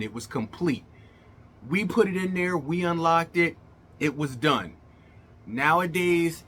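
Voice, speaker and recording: A middle-aged gaming channel host gives viewers a casual monologue full of emphatic, colloquial showmanship, his words slightly slurred like a swollen mouth would cause. He speaks in a bright, forceful voice on the high side, with slight background noise.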